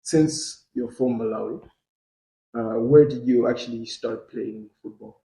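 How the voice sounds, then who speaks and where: A man hosts a casual podcast, his voice mellow and dark with a husky edge. He teases his guest playfully and throws in slangy asides. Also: mid-range voice, measured pace, rough recording. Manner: playful, teasing, slangy interjections. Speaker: podcast host.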